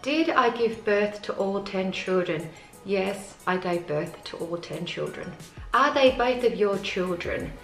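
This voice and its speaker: A woman's voice: mid-range voice, lively intonation, unhurried, vocal fry. A woman, reading viewer questions aloud in a casual vlog and answering each one plainly. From Australia. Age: 40s. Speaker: family vlogger. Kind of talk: casual Q&A to camera. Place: family home with children nearby. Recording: echoey room, faint music behind.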